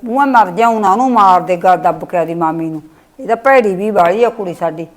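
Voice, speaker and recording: A woman's voice: fairly low pitch, a little fast. A woman playing an aggrieved mother who pleads and complains in a family drama skit. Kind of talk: village family drama acting.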